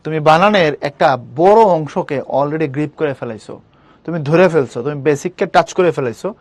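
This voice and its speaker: Teaching a spelling class online, a young man speaks at normal speed in a fairly high voice with no echo. He's colloquial and coaxing, repeatedly asking his students whether things are clear.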